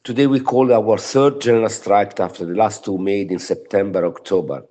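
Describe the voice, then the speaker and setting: An Italian man, a native speaker with an Italian accent, reads a prepared trade union statement of political solidarity in broken English. His voice is lowish and warm, at a moderate pace.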